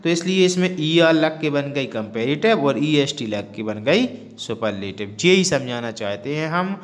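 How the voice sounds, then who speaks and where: High-voiced man explaining a lesson. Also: animated. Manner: explains slowly, repeating terms and asking questions; mixes English words into his Hindi. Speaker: teacher. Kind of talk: online grammar lesson.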